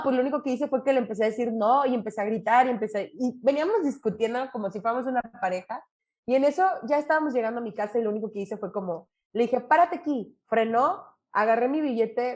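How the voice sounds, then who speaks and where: A young adult woman from Mexico with a Monterrey accent, telling a stand-up story and acting out the people in it with frequent laughs. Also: on the high side. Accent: northern Mexican, Monterrey. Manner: animated, acts out quoted voices, laughs often. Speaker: stand-up comedian.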